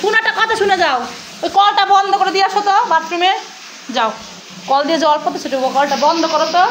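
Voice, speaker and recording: High-voiced, playful young mother hosting. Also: quick pace, a little hiss or hum. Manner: animated, coaxing, playful. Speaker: family vlog host and mother. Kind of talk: playful family vlog with children.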